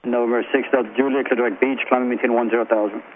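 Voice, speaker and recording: A man's voice: mid-range voice, fairly even intonation, rapid-fire. A man working as an air traffic controller, giving formulaic instructions over aviation radio. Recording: tinny, noisy aviation radio heard in headset.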